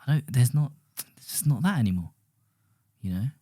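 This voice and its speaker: A man's voice: medium pitch, lively intonation, dark tone. A man in his thirties, co-hosting a casual fitness podcast chat in a laid-back, filler-heavy way. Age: 30s. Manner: quick, laid-back, peppered with "like" and "right". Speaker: podcast co-host.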